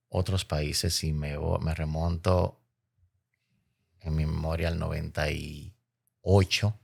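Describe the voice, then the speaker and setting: Dominican man, Caribbean Spanish accent, interview expert. Slow, deliberate delivery with fry, emphatic and rhetorical. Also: a bass voice. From Dominican Republic. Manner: emphatic, oratorical, repeats phrases for effect. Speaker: interview guest, logistics expert. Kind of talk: explanatory interview talk.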